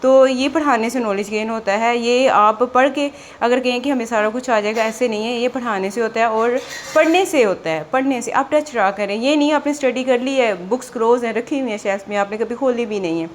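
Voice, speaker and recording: A woman's voice: a little high, a little fast, hardly any pauses, slight background noise. A woman exam prep teacher, talking through a screen walkthrough in a chatty way, repeating "theek hai" and "ye dekhiye" as she goes.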